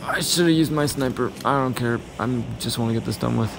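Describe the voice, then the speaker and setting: A young man casually commentating his own mobile game, muttering to himself with sudden excited yelps and growing frustration. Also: mid-range voice, fairly quick, vocal fry, noisy background. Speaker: gaming channel host.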